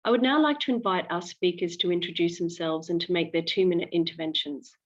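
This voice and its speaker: Woman on a video call, lowish voice, dull lo-fi sound, formal moderator. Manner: measured, reads names and titles. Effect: heard over a video call. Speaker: moderator of the roundtable.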